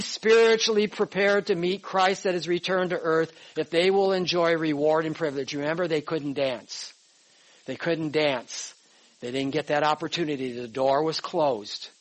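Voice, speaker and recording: A man's voice: sits high, fairly bright tone, rough recording. A man in his sixties teaching a Bible class from his notes, emphatic and conversational, often checking in with "all right?" and "okay". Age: 60s.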